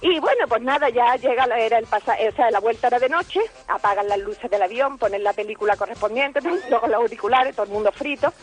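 A woman's voice: on the high side, fast, few pauses, faint music behind, poor audio. A woman, telling a story as a caller on a radio show and acting out the voices of the people in it. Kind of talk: phone-in anecdote on a radio show.

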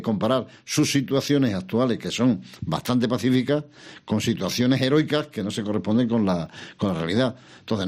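Older man, low voice, measured interview answers. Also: darkish tone. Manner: measured, hesitant, with restarts and rhetorical questions. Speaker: interview guest, former regional president. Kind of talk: reflective political interview answers.

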